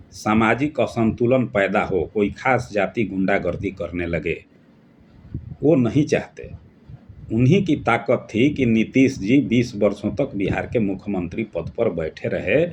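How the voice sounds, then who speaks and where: A man's voice: medium pitch, a little mellow, slight background noise. A man from Bihar, giving an earnest, emphatic solo political commentary.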